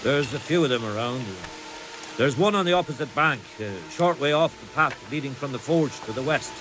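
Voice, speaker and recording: A man's voice: mid-range voice, moderate pace, over music, close to an everyday voice. A man voicing a wary, grudging medieval village tradesman in a video game. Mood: grudging, cooperative.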